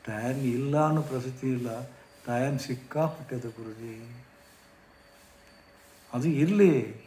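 A man putting on a lonely, worn-out old rich man with a soft, subdued, complaining way of speaking. The voice sits at an ordinary middle pitch. It echoes in a room with a faint hiss behind it. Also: natural voice. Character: weary lonely older rich retired man.

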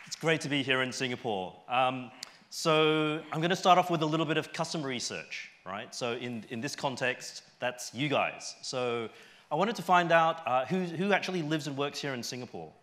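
On a large indoor auditorium stage, a middle-aged Australian man gives an informal conference talk. His mid-range, fairly bright voice is expressive and moderately paced, and he keeps it conversational, often checking in with short tag questions.

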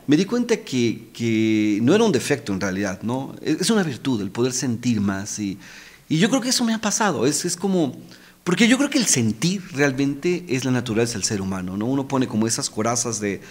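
A man's voice: mid-range voice, sing-song, fairly quick, darkish tone. A middle-aged man, talking as a podcast guest in a heartfelt, emotional way, often repeating words and adding little tag questions. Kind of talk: casual heartfelt conversation. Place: podcast studio.

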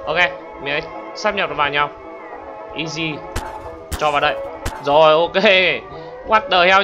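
A man giving excited gameplay commentary, breaking into loud exclamations as he plays. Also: fairly high pitch. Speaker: gaming YouTuber. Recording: game music playing behind the voice. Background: game music.

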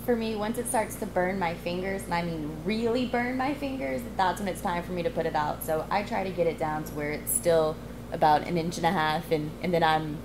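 A woman's voice: fairly low pitch, a little fast, background noise. A young woman chatting casually about a cigar's flavors in a lounge, thoughtful and descriptive. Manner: thoughtful, descriptive, a few restarts. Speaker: cigar reviewer. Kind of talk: casual cigar review chat. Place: cigar lounge, indoors, leather chairs.

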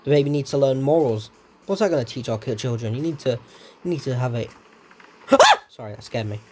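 A man doing let's-play commentary, excitable and swearing at the game while muttering to himself. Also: mid-range voice, a little fast, a little hiss or hum. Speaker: gamer.

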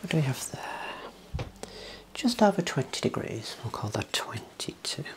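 In a small indoor room, a man in his thirties performs an ASMR roleplay as an optician. He whispers softly into a close clip-on wireless lapel mic with a medium-pitched voice. His clinical instructions are hushed, unhurried and reassuring.

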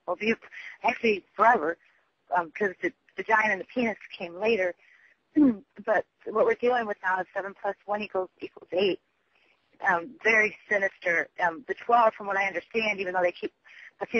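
High-pitched man rambling on a voicemail. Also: sharp tone. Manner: rambling, halting, often losing the thread, swearing. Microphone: phone. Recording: dull lo-fi telephone voicemail recording.

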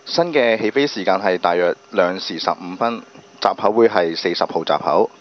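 A man's voice: sits low, normal speed. A man working as a flight attendant, making formal announcements to passengers. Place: aircraft cabin, over the PA. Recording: muffled cabin PA with aircraft hum.

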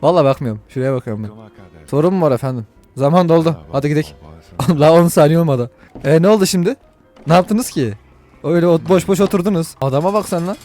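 Fast-talking, foul-mouthed male gamer. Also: on the high side, soft background music. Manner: profane, joking and excitable. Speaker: gaming YouTuber. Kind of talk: excited gameplay commentary.

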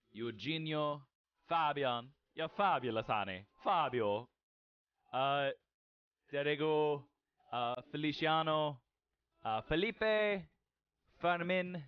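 A man's voice: on the high side, slow, long pauses, clear, resonant tone, highs cut off. A man casually commenting on a game he is playing, rambling, joking and swearing freely. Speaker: gaming channel host. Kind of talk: casual let's-play commentary.

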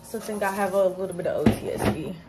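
A woman's voice: medium pitch, steady tone, fast talker, loud music behind the voice. A young woman chatting casually to her camera as a vlogger, playful and self-mocking. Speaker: vlogger and TV anchor. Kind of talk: casual vlog chat. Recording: noticeable background noise.

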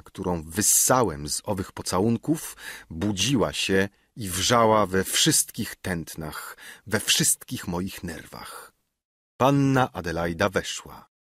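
A man reading a novel aloud as a first-person narrator, with an expressive, emotional delivery. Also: low-pitched, takes it slowly, slightly rough, no echo, studio quality. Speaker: audiobook narrator.

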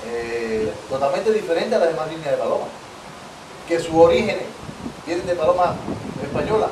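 A Cuban pigeon breeder in his thirties chats in a casual interview on an outdoor patio, speaking Cuban Spanish and emphatically repeating and restarting his phrases. His voice is on the high side, with lively intonation at a moderate pace. A far camera picks him up, making the audio echoey, distant and noisy.

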